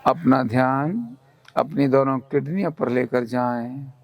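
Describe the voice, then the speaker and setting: A man leads a relaxation meditation at a very slow, unhurried pace, his mid-pitched voice carrying a noticeable creak. He offers calm, soothing instructions as gentle, repeated commands, with no echo.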